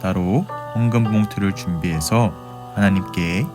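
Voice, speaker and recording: Low-voiced male worship leader, calm instructions over guitar music. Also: a little slow. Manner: calm, plain instructions to children. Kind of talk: leading the offering and prayer. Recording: guitar playing behind.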